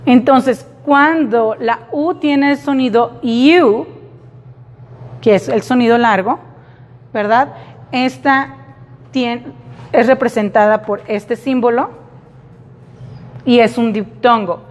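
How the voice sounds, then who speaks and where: A woman teaching an English class slowly, repeating example words for her students. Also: on the high side. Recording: reverberant classroom.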